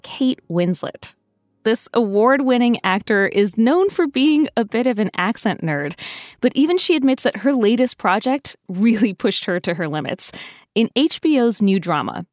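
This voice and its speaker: A woman co-hosting a news podcast, reading scripted news in a clear, measured way and chatting with her co-host. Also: mid-range voice, no echo, clean studio sound. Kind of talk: scripted news narration and banter.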